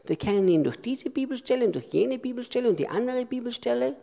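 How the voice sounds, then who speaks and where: A man preaching a sermon, emphatic and repetitive, with loud swells. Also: very high-pitched, lively intonation, fast, gravelly. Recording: long reverb of a large hall.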